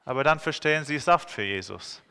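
An Englishman in his thirties, appearing as a guest preacher, gives a friendly, joking sermon in a clear, forceful, animated voice of medium pitch. He hesitates with frequent pauses. His words ring out with a long reverb, as if in a large hall.

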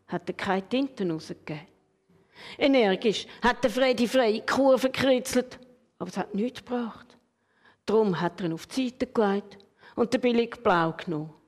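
A woman reading a children's story aloud in a lively, expressive way. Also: on the high side. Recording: long hall reverb.

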